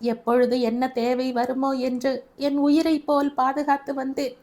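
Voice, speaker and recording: A woman doing a shrill, wailing old grandmother. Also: fairly even intonation, unhurried, darkish tone. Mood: bitter.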